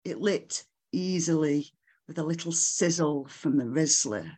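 Poet reading own work aloud, very slow and measured, relaxed asides with ums. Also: mid-range voice, slightly rough. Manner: slow, measured reading broken by casual remarks and fillers. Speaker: author reading own poems. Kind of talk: live poetry reading with chatty asides. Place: live book launch event.

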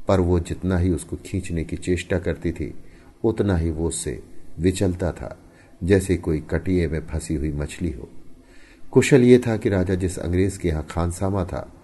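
A male storyteller reads in a deep, mellow, husky voice. His delivery is expressive, with a wide, lively pitch swing, emphatic rises and hushed, quiet falls. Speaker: narrator. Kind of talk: dramatic audiobook storytelling.

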